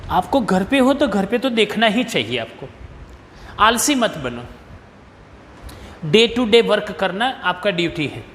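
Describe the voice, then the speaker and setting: High-voiced male teacher dictating slowly. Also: sing-song, a bit bright, in a large hall, a little hiss or hum. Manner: mixes Hindi with English terms, slows to dictate definitions. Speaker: commerce teacher. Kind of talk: recorded video lecture.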